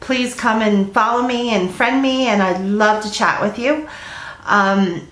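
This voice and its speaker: This middle-aged woman has a cold and sounds congested as she rambles casually through her stitching vlog at home, using plenty of ums. Her medium-pitched voice is a bit bright and measured in pace. The poor-quality audio carries an echoey room.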